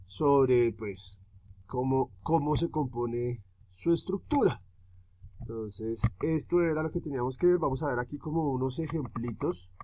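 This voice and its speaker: A man teaching a grammar lesson. He explains step by step, checks in with his students after nearly every point and stretches out the example words slowly. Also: on the high side, darkish tone. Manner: explains step by step, often checks with "¿cierto?" and "¿listo?".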